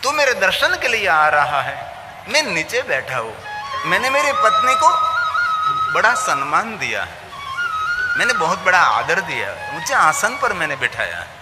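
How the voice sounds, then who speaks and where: Brief: a calm, dignified Lord Shiva, voiced by a high-pitched male preacher, with music behind. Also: a little slow, heavily acted, low-quality recording. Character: the god Shiva addressing a man.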